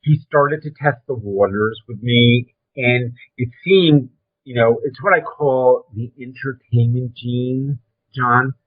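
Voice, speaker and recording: A man's voice: medium pitch, slow pace. An older man with a Brooklyn accent, reminiscing about his career in an emphatic, blunt, conversational way. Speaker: interview guest, film trailer and design veteran. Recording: thin, phone-like call audio.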